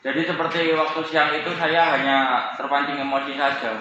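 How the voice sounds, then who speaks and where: A man's voice: on the high side, level tone, fairly quick, bright, forceful tone. A man playing a defendant husband in a mock trial, speaking with resentment against his wife. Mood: resentful. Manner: resentful, accusing. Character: resentful husband accused in court. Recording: echoey room, muffled, faint noise.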